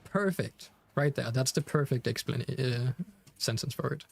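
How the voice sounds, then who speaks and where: Medium-pitched with vocal fry and a breathy edge, a young man with a Danish accent talks at a normal speed on a casual game stream. He reads out chat messages and keeps stopping, restarting, and filling gaps with filler words.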